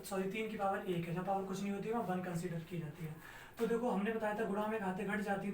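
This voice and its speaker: A man teaching an exam-prep math lesson step by step, asking his students questions and answering them himself. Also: high-pitched. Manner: steady, step-by-step explaining. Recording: roomy sound, distant mic, faint noise.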